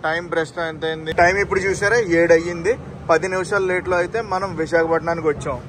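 A man's voice: fairly high pitch, fairly even intonation, racing, fairly bright tone, faint music behind. A man narrating a casual train travel vlog, talking straight to his viewers and pointing out sights as he goes, recorded on a handheld phone. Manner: chatty, addresses viewers directly, points things out. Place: on a train and station platforms, outdoors. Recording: train and station noise behind.

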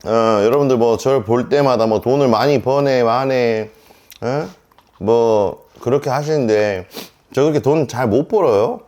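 A man's voice: mid-range voice, a little slow, darkish tone. A man in his thirties chatting to viewers at home while eating a delivery meal and drinking, in a casual mukbang vlog. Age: 30s. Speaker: mukbang vlogger.

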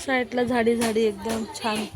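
A woman's voice: a little high, flat delivery, moderate pace, music in the background. A woman, chatting casually as she shows her family and rural home in a vlog. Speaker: vlogger. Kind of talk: casual village vlog narration.

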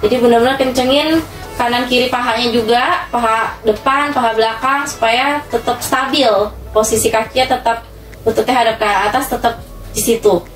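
A woman's voice: fairly high pitch, fairly even intonation, normal speed. An Indonesian woman instructing an exercise class, cueing breaths and counting workout reps in short phrases. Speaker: fitness instructor for older adults. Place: small tiled indoor room at home. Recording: echoey room, distant mic, music behind.

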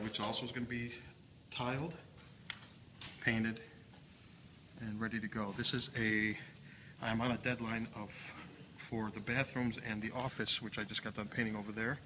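A man's voice: lowish voice, noisy background. A man with a Chicago accent, a remodeling contractor walking through a factory bathroom job and explaining the work in a plain, matter-of-fact way with many fillers, filmed on a handheld phone. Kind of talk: casual walkthrough narration. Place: large unfinished factory bathroom. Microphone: handheld phone camera. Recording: echoey empty room.

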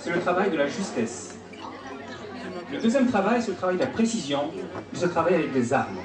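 A man acting as a martial arts master gives live commentary to an audience at a public demonstration in a restaurant hall, explaining instructively in short phrases. His voice is on the high side, sing-song, and brisk. He speaks into a handheld microphone, but the sound comes through a distant camera in an echoey room with a loud crowd.

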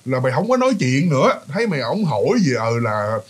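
Telling a ghost story in a casual way, a man with a Southern Vietnamese accent speaks straight to his listeners, chatty and full of fillers and repetition. His husky mid-range voice is very animated and quick.

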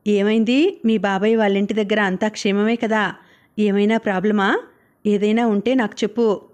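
A woman voicing an affectionate young husband in a storybook reading who speaks gently and teases playfully. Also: mid-range voice, steady tone, moderate pace, close to an everyday voice. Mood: gentle.

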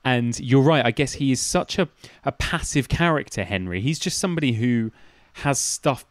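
A man's voice: mid-range voice, lively intonation, moderate pace, no echo. Male podcast host, dry close sound. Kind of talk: casual film discussion.

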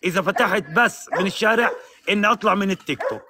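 Fast, high-voiced heated man. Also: very noisy. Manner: insistent, repeats challenges, talks over the other. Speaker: live-stream debater. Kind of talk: heated online debate.

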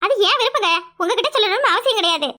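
A woman voicing a stern, dutiful young unmarried village woman in a cartoon, curt and sharp-tongued, with a southern Tamil accent. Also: very high voice, animated, very fast, full character voice. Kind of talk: cartoon voice acting.

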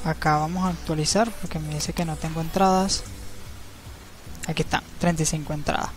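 A man narrating a screen-recorded tutorial, explaining each step in a relaxed, easygoing way and often checking in with the viewer. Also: on the high side, fairly quick. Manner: relaxed, step-by-step, frequent tag questions. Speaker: crypto channel host. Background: faint background music.

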